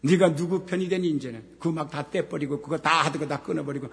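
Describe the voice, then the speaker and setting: A middle-aged man preaching a sermon as pastor, moving from quiet talk to shouted scripture and asking questions he then answers himself. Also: fairly high pitch, fast, gravelly. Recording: long hall reverb.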